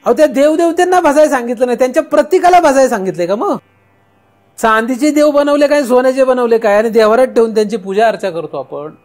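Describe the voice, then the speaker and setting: High-voiced Marathi man giving a discourse. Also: fast talker, darkish tone. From India. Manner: rhetorical questions answered himself. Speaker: spiritual teacher. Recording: faint music in background.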